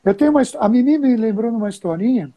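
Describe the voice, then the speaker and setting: A Brazilian woman speaks as a Buddhist teacher in relaxed conversation. Her voice is very dark and mellow, with a husky edge. She tells stories in an unhurried way, chuckling as she goes. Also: a little high, rough recording. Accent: Brazilian Portuguese. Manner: storytelling, chuckles often, drawn-out pauses. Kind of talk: casual conversation.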